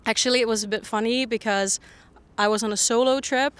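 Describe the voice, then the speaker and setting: This young native Finnish speaker from Finland chats as a guest for a podcast, sitting on a public bench outside by a harbour. Her smooth voice is on the high side, with a steady tone and fairly quick pace. The talk is a casual interview, full of laughter and frequent "like."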